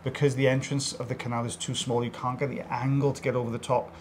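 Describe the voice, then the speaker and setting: A middle-aged man from South Wales speaks with a South Welsh accent as an audiologist co-presenting a procedure video, joking with viewers and addressing them directly. His mid-range voice has a darkish tone and flat delivery at a quick pace, with slight background noise.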